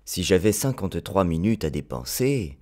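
Earnest young boy prince, gentle and wondering, read by a man, lively storybook delivery. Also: low voice, normal speed. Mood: curious.

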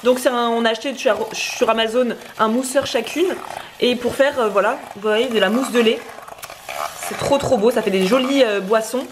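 In her home kitchen, a young vlogger co-host talks casually to camera at a normal speed, her voice a little high with background noise present. She's chatty and lively, explaining breakfast as she prepares it.

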